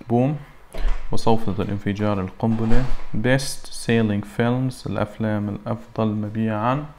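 A man teaching an English lesson. He reads English words slowly and then translates them. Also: on the low side, a little mellow. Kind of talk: recorded classroom lesson.

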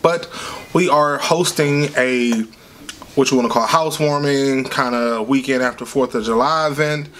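A man from Cleveland in his thirties giving a relaxed, chatty closet-tour vlog narration at home. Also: medium pitch, moderate pace. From Cleveland, Ohio. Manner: relaxed, chatty, uses lots of fillers like "so yeah" and "like". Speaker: family vlogger.

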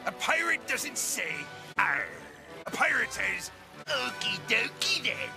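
Greedy cartoon crab captain, bellowing pirate talk, highish voice, big swings in pitch. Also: male voice, big pitch swings, takes it slowly, gravelly, over music, full character voice. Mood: blustery. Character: greedy gruff crab ship captain, money-loving.

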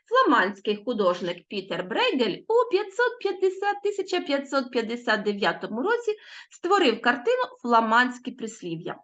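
A woman teacher giving a recorded lesson to children, reading proverbs aloud with expressive, lilting emphasis. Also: fairly high pitch, highs cut off.

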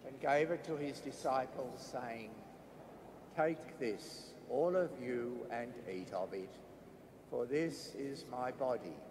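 A priest reciting the prayers of the Mass in a measured, solemn intoning voice, with cathedral echo. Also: male voice, mid-range voice. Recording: echoey church with long reverb, faint background noise.

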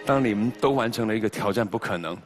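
A man's voice: lowish voice, fast talker, soft background music. A man serving as a judge on a TV show, delivering an emphatic verdict speech on stage. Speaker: guest judge. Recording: noisy studio with audience crowd.

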